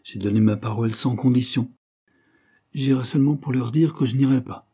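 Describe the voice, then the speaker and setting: A man reads an earnest young clerk in a storybook, his voice lifted high and pressing forward. The tone stays dark and a bit husky. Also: brisk. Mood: firm. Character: earnest young male clerk, proud and sensitive.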